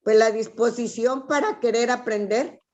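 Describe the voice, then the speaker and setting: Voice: medium pitch, normal speed, darkish tone. Choppy, dull video call voice. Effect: video call audio dropping out. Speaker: class participant on a video call. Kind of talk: answering the teacher's question. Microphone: computer or phone on a video call.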